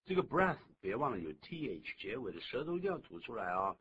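Animated male radio English teacher. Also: fast talker. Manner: animated, exaggerated pitch jumps when demonstrating. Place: radio studio. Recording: dull lo-fi radio recording, faint hiss.

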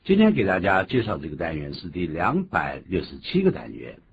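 A deep-voiced man teaches English on the radio, his pitch swinging widely as he punches out key words. The recording is muffled and lo-fi, with a faint hiss underneath. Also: brisk. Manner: animated, jumps to high emphatic pitch on key words.

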